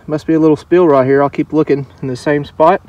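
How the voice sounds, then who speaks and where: A man's voice: fairly high pitch, fairly even intonation, fast talker, darkish tone. A man hosting a relic-hunting vlog, talking earnestly to viewers as he digs outdoors. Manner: talks to viewers while digging, earnest and devout. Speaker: relic hunter, channel host. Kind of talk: casual outdoor dig vlog narration. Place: outdoors in the woods or fields.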